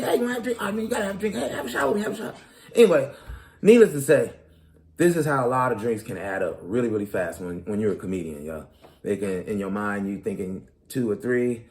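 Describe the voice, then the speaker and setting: A man in his thirties, a comedian hosting his own show, talking casually and animatedly in slang straight to his audience. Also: mid-range voice. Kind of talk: casual commentary monologue.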